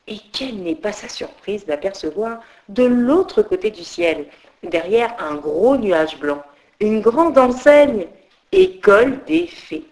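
A woman reads a children's tale aloud as host of her story series. Her fairly high voice swings widely in pitch, giving the reading an expressive, dramatic lilt. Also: rough recording. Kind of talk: storybook narration.

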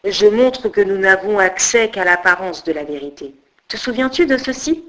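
A woman's voice: medium pitch, lively intonation, moderate pace, natural voice, poor audio. A woman voicing an earnest, grateful young male philosopher visiting his old teacher.

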